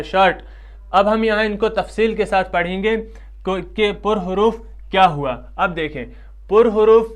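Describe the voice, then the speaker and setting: High, clear-voiced man teaching pronunciation. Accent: Pakistani Urdu. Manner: patient, repeats letters loudly and slowly to model pronunciation. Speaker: Quran recitation teacher. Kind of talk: tajweed lesson.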